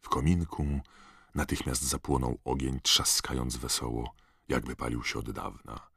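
A man narrating an audiobook in expressive storytelling style. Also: extremely low pitch, normal speed, creaky, husky, dry recording, studio quality. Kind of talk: scripted narration.

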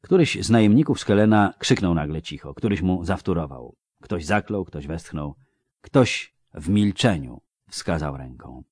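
Deep-voiced man narrating a fantasy tale. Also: no room sound, clean studio sound. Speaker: audiobook narrator.

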